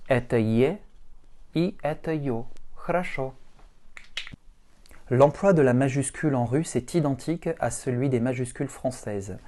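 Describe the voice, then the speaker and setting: A man teaching a language lesson, spelling words out letter by letter in a deliberate, patient way. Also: mid-range voice, dark tone.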